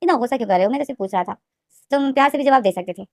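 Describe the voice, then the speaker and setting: A woman's voice: on the high side, rapid-fire, no room sound, studio quality, lightly acted. A woman voicing a domineering, cruel man who speaks in a cold, menacing way.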